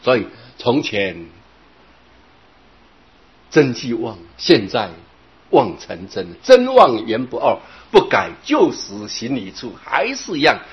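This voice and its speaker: A man's voice: mid-range voice, wildly swooping pitch, slow pace. A man teaching a Buddhist dharma talk, expounding at length, drawing out his particles and repeating phrases. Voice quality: husky. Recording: dull lo-fi recording.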